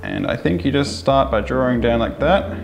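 A man's voice: mid-range voice, lively intonation, normal speed, creaky, over music. A young man giving a casual instructional commentary for a vlog as he demonstrates painting. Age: young adult. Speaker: vlogger demonstrating a painting tutorial.

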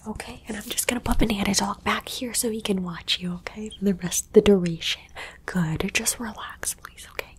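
A woman whispering through an ASMR roleplay, talking straight to the listener in soft, slow, repetitive soothing phrases with a playful touch. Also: mid-range voice, fairly even intonation, a little hiss or hum. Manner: playful, addresses the listener directly. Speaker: ASMR creator.

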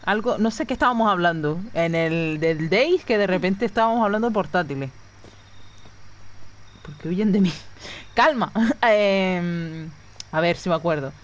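A woman's voice: fairly low pitch, expressive, moderate pace. A woman chatting casually and swearing freely as she streams a video game. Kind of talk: casual live gameplay commentary.

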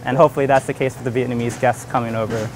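Young male home cook, loose rambling chat, ordinary pitch, lots of uh and like. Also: very fast, background noise. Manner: relaxed, rambling, filler-heavy. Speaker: home cook hosting a dinner party. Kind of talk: casual documentary talk.

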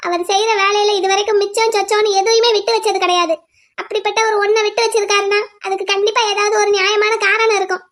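A woman voicing a defiant young wife held captive in a cartoon drama, who calmly pleads and reasons with her captor. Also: very high-pitched, quick pace. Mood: reasoning. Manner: calm, pleading then lecturing at length.

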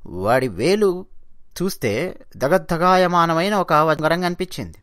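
A man narrating a devotional story, explaining verses politely and chanting them slowly. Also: on the high side, expressive, fairly bright tone, no echo, studio quality. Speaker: religious storyteller.

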